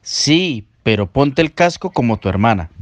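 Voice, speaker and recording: A man's voice: medium pitch, sing-song, moderate pace, no room sound, close to an everyday voice. Guy playing a firm dad in a kids radio story, very up and down delivery. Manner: firm, instructing. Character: firm, protective father of a young boy. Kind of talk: children's radio story acting.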